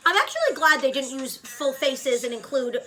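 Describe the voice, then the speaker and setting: Gushing bright-voiced young woman. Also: high-pitched, normal speed, faint music behind. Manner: gushing, excitable, lots of fillers. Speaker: reaction video co-host. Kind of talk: casual reaction chat.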